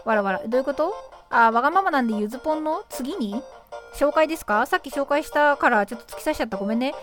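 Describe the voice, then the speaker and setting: Brief: high-pitched woman, live-stream host bantering over background music. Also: lively intonation, quick pace. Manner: playful, reads listener comments aloud and quips back. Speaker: livestream host. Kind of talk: casual live-stream chat.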